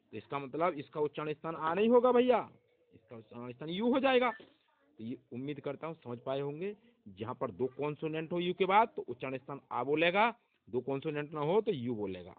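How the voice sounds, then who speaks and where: A man teaching an English pronunciation lesson, repeating each rule several times and quizzing the viewer with questions. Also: a little high. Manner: repetitive, drilling rules and asking questions to the viewer. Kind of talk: grammar lesson. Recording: tinny phone-like sound.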